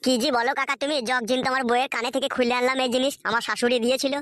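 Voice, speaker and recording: A woman voicing a crude, scheming young village husband in a comedy cartoon, talking fast and swearing constantly. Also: high voice, level tone, a bit bright, no echo. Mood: wheedling. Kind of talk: cartoon voice acting.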